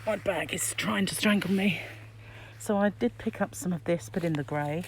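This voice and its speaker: A woman's voice: fairly low pitch, moderate pace. Muffled British woman talking through a face mask. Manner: musing aloud to herself. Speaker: crochet vlogger. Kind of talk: casual shopping vlog, chatty commentary. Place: inside a shop aisle. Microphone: handheld phone, behind the camera. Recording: background noise, shop ambience.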